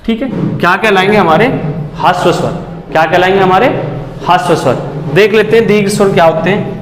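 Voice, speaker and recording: A man's voice: high voice, brisk. A male teacher giving an exam-prep grammar lesson, who keeps asking questions and answering them himself and often checks that the class understands. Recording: echoey room with long reverb and faint background noise.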